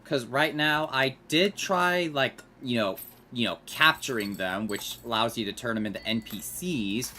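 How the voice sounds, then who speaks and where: Lively-voiced gamer chatting through gameplay. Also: mid-range voice, a little slow, a little hiss or hum. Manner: chatty, mutters to self while playing. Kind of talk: casual gameplay commentary.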